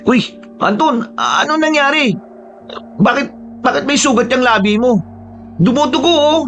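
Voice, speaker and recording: A man voicing an excitable young male friend who talks in a fussy, exasperated way. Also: high-pitched, normal speed, soft background music, voice pushed up.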